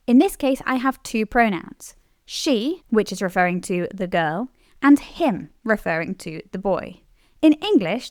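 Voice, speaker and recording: A woman explaining Latin grammar in a scripted lesson, clearly stressing the key words. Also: medium pitch, dry recording, studio quality. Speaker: Latin teacher.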